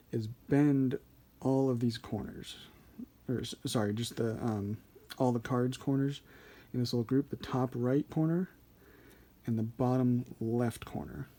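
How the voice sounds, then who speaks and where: Male tutorial host, soft-edged mellow tone, mid-range pitch, informal and thinking aloud. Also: normal speed. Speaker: card trick instructor. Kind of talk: casual hands-on tutorial.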